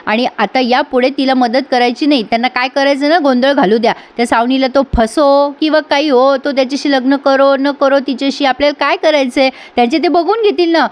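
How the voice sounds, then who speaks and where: A woman's voice: high voice, steady tone, fairly quick, hardly any pauses, lightly acted. A woman voicing an angry, fed-up man who talks curtly and dismissively, as she retells a TV serial episode. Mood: irritated. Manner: curt, irritated.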